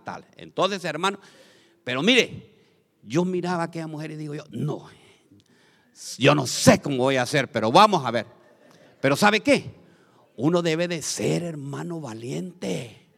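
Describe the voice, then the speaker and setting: A man from Honduras preaching a lively sermon as pastor, calling out to the congregation with joking asides. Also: on the high side, vocal fry, big-room sound.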